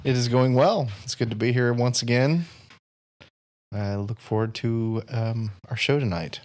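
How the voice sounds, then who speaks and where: A man co-hosting a podcast in relaxed casual chat, pausing often as he thinks. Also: medium pitch. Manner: relaxed, hesitant, many pauses and fillers. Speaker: podcast co-host.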